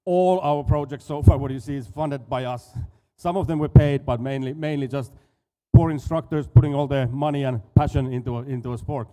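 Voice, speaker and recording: A man in his forties with a Finnish accent, originally from Finland, runs a dive school and is speaking informally on an expo stage at a conference. He sounds medium in pitch, dark and steady, moving briskly while often stumbling and repeating words.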